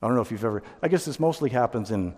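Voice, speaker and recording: Male pastor preaching, emphatic and mellow, church hall echo. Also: mid-range voice, animated, racing. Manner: emphatic, rising to loud peaks. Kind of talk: sermon. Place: church sanctuary.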